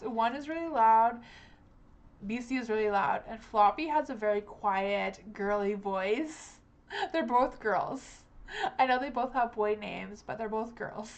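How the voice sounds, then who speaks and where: A young woman live-streaming tarot readings, talking in a rambling, hesitant way with many likes and ums. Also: a little high. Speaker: tarot reader.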